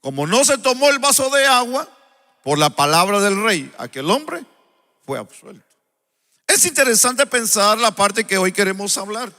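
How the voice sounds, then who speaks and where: High, bright-voiced preacher in echoing church. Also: male voice. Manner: unhurried storytelling, often asks the congregation "¿verdad?". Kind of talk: live sermon with opening prayer. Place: church sanctuary. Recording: long church-hall reverb.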